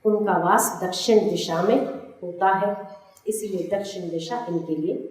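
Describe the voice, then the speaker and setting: A woman, a spiritual teacher giving a religious discourse to an audience, slow and didactic, repeating lists so listeners can write them down. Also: mid-range voice, a little mellow. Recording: very echoey hall.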